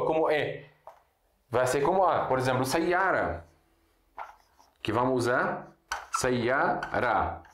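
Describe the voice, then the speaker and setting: A man from Syria, a native Arabic speaker, giving a casual video lesson at a board, explaining slowly with repeated examples and frequent check-ins. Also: mid-range voice. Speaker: Arabic teacher. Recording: echoey room.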